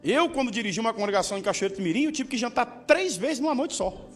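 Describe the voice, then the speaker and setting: A man's voice: very high voice, expressive, fast, faint music behind. A male pastor preaching a sermon, joking and calling for responses from the congregation. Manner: humorous, with call-and-response to the congregation.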